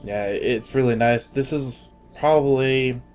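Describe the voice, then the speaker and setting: A man's voice: medium pitch, measured pace, a little mellow, soft background music. A man hosting a casual gaming podcast, joking around and laughing often, trailing off into fillers as he talks. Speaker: podcast host.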